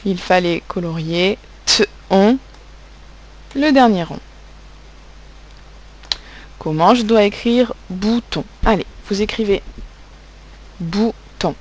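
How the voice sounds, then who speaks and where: Slow, patient French woman teacher. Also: mid-range voice, a little hiss or hum. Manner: slow, patient, spells out letters and sounds. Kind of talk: spelling and handwriting lesson for young children.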